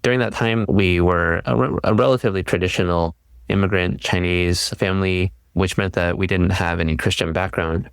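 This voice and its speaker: Deep, smooth-voiced man. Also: fairly even intonation, moderate pace, no room sound. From California, United States. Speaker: guest scholar. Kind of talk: casual interview.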